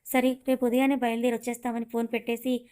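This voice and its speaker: A woman narrating a story in a steady, even reading manner. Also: fairly high pitch, fast, clean tone.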